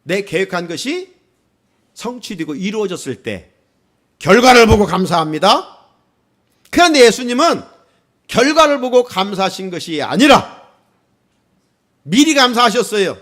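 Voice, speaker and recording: A man's voice: high voice, big pitch swings, measured pace, long pauses, a bit bright. A male pastor preaching a sermon, asking the congregation questions and rising into exclamations.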